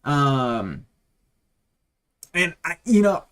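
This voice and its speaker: A man's voice: a little high, sing-song, very slow, fairly bright tone, clear, resonant tone. Rambling, chatty man from Texas. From Texas, USA. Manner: rambling, chatty, side comments between anecdotes. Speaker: livestream host. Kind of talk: casual live-stream chat.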